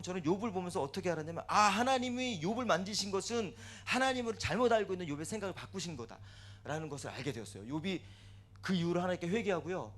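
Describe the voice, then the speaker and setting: A man's voice: high-pitched, fairly bright tone. A male pastor giving a tearful testimony sermon in a church, acting out his prayers aloud as he tells the story.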